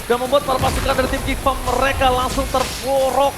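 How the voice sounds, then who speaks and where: A man with an Indonesian accent doing excited esports play-by-play, shouting and stretching key words like a hyped caster. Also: very high voice, a little fast, over music. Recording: loud background noise over broadcast commentary.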